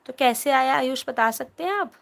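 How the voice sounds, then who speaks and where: A fairly high-voiced young woman teaches a live class into her phone. She reads out students' chat messages and answers them with chatty, teasing remarks. Her talk moves between casual banter and quick explanations. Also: lively intonation, vocal fry. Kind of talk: live online class, reading chat comments.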